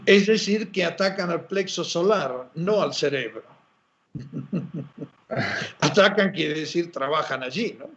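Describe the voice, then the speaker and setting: A fairly high-voiced man explains his ideas with a teacher's energy, posing questions and answering them himself. The recording sounds dull and lo-fi, with the top end muffled. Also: takes it slowly, gravelly. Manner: lively teacherly, asks and answers his own rhetorical questions. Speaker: interview guest. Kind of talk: explanatory interview talk. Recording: muffled lo-fi audio.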